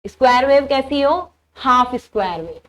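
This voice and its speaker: Young woman teacher, high voice, walks thru the math step by step and asks herself questions. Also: lively intonation, normal speed, a bit bright. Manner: explains step by step, asking and answering her own questions. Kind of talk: engineering lecture.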